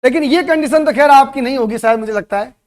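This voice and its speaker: A man's voice: very high-pitched, quick pace. A man teaching at a coaching center, giving a motivational classroom talk and throwing rhetorical questions at his students.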